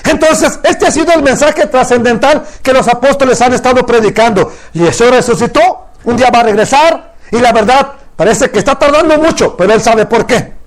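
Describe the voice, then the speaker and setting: A man preaching a sermon, asking his congregation questions and answering them himself, stretching out Hebrew phrases slowly for emphasis. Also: very high voice.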